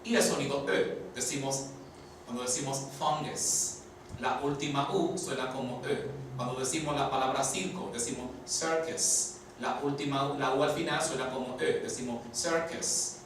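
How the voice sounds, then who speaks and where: Echoey male teacher slowly explaining pronunciation. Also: medium pitch, fairly even intonation. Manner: repeats key words slowly and deliberately, with rhetorical questions. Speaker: English phonology teacher. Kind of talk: explanatory lesson. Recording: echoey room, mic far off, faint hiss.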